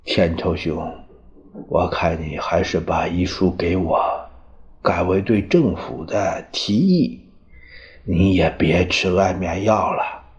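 An anxious older friend, voiced by a male storyteller, pleads earnestly and slowly in a lowish voice. He sounds consoling and urgent. The audio is dull and lo-fi.

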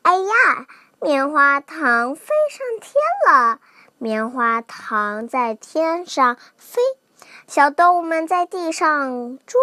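A woman telling a bedtime story for small children, gentle and sing-song. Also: high voice, no echo.

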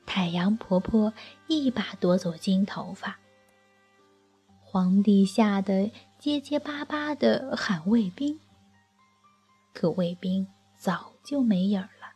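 A woman narrating a children's folk tale in a soft, half-whispered way. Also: mid-range voice, slow pace, slightly rough, soft background music. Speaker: storyteller.

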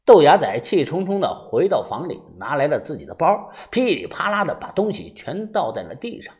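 A man narrating a first-person adventure audiobook in a storytelling manner. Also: brisk. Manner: storytelling, very lively pitch.

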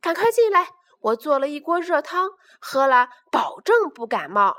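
A woman voicing a stern father bear with a loud, scolding manner in a storybook reading. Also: sits high, very animated, a little fast. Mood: shouting.

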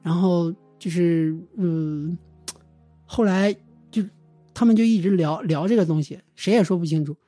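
A man casually retelling a strange family experience as a guest storyteller, in a loose, halting way with frequent restarts. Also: high voice, mellow, dry recording, soft background music. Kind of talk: casual spoken storytelling of a real ghost experience.

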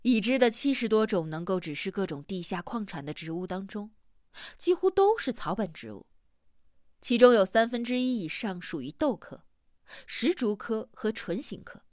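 A woman narrating a novel as an audiobook, with expressive, measured reading. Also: medium pitch, no room sound, studio quality.

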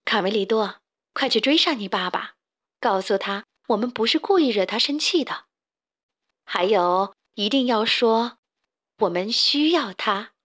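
A woman's voice: a little high, expressive, a little slow, a bit bright. A woman voicing a worried mother hen sending her chick off with an urgent plea, in a children's storybook.

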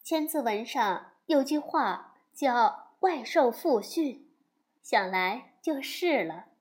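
A woman voicing a soft, demure empress. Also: a little high, lively intonation, slow pace. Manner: soft and meek.

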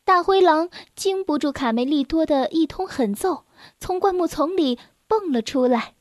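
High-voiced woman reading a bedtime story. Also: lively intonation, normal speed, no room sound, clean studio sound. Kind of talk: children's story narration.

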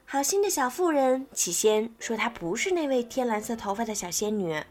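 A woman hosting a children's bedtime story show, reading a story aloud in a soft, friendly way. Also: a little high, very animated, normal speed, faint music behind.

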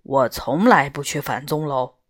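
A woman voicing a grumpy, fierce male tiger-like beast in a storybook, speaking in a gruff, curt and irritable way. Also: low-pitched, measured pace, no echo, clean studio sound, voice pushed down. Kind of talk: storybook character voice.

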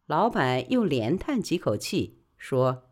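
A woman storyteller narrating a novel in a Wuhan dialect with expressive delivery. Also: deep voice, takes it slowly. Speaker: audiobook storyteller.

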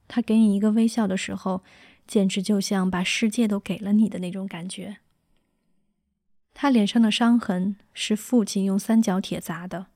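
Woman, memoir reading, subdued, reflective, mellow, mid pitch. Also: no echo, clean studio sound. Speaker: narrator.

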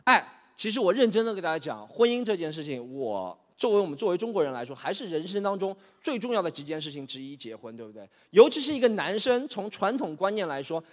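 Stand-up, male, 30s, rapid and animated delivery, mixes in English, plays characters, stage in a reverberant hall. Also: high voice. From Shanghai. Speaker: stand-up comedian. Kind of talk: stand-up comedy set.

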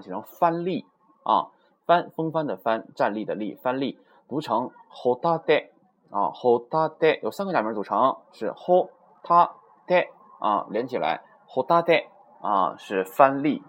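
A man gives a casual, chatty beginner Japanese lesson. His pitch moves a lot, and he keeps dropping in little tag questions. A faint hiss of noise sits under the recording. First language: Chinese. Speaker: Japanese teacher.

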